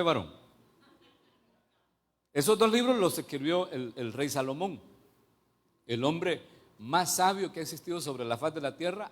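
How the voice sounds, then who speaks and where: A man preaching a sermon, stressing points by repeating them and putting questions to the congregation. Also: on the high side. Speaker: pastor.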